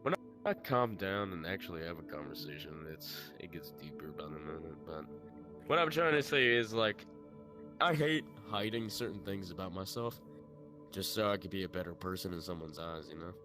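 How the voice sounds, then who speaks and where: A young Southern American man talks haltingly in a casual late-night podcast, stumbling over his first words. His voice is fairly low, with music playing behind. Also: expressive. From Southern United States. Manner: halting, repeats words as he starts. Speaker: podcast co-host.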